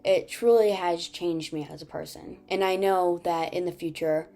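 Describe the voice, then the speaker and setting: A woman's voice: fairly low pitch, fairly even intonation, moderate pace, warm tone, soft background music. A young woman reading an earnest scripted narration and asking interview questions. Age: young adult. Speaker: student video host and interviewer.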